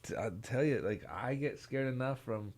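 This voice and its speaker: A man co-hosting a podcast in casual, joking chat, talking haltingly and repeating himself with lots of filler words. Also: mid-range voice, darkish tone. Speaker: podcast co-host.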